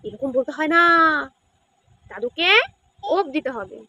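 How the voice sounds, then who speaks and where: A woman's voice: sits high, expressive, a little slow, sharp tone, no room sound. A woman playing with a small child, using coaxing, sing-song baby talk full of questions. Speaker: caregiver playing with a toddler.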